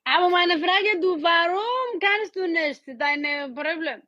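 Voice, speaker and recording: A woman from Ethiopia on a video call, speaking halting broken German and repeating words. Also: very high voice, expressive, sharp tone. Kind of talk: casual video-call chat. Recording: dull lo-fi video-call audio.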